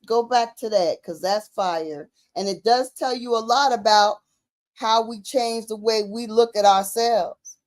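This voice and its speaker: A woman's voice: on the high side, a little slow. A woman talking casually and emphatically, using slang and repeating phrases to drive her points home. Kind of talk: casual conversational commentary.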